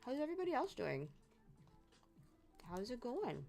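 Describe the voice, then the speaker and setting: A woman's voice: fairly high pitch, wildly swooping pitch, moderate pace, creaky, a little mellow, soft background music. A woman hosting a casual craft livestream, chatty and playful, sometimes talking while she eats. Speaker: livestream host. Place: home craft desk.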